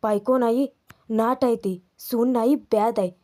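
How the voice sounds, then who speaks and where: A woman's voice: fairly high pitch, fairly even intonation, moderate pace, close to an everyday voice. A woman voicing a domineering middle-aged mother who scolds and accuses her daughter-in-law. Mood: scornful. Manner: scolding, accusing, rising to shouting.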